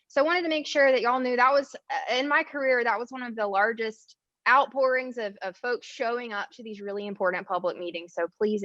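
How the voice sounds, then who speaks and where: A woman speaks over a conference call, her voice muffled and dry with no room around it. She addresses a city council in an earnest, measured way, laying out her points and then asking pointed questions. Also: mid-range voice, a bit bright, no room sound. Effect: heard over a conference call. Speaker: environmental advocate giving public comment. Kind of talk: prepared public comment to a city council. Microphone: video call.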